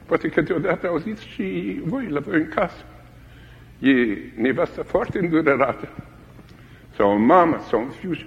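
A man's voice: a little high, animated. A man preaching a sermon in a dramatic way, repeating key phrases for emphasis. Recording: echoey hall, dull lo-fi old recording.

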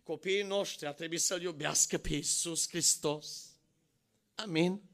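A man preaching a sermon, swinging from fervent shouting to quiet, conversational storytelling. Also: a little high, fairly even intonation, gravelly. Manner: impassioned, rising to shouts.

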